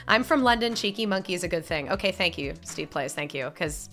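Blunt young woman from upstate New York, casual streamer chat, bright voice, faint music behind. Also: lowish voice, lively intonation, brisk. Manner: blunt, candid, swears casually. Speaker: live streamer. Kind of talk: casual live-stream chat, reading viewer messages.

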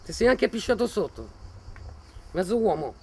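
A man's voice: sits high, very animated, moderate pace, creaky, a little hiss or hum, exaggerated voice. A volatile, mocking militiaman. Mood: furious. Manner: taunting, mocking, bursts into shouting. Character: volatile, menacing male militiaman. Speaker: soldier threatening a journalist. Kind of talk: film acting.

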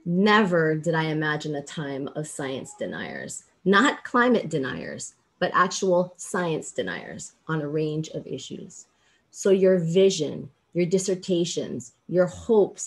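Woman, middle-aged, from Hawaii; law professor giving a measured, emphatic commencement address on a video call; low-ish voice. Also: lively intonation. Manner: earnest, measured, emphatic pauses. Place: indoors, small room with plain backdrop.

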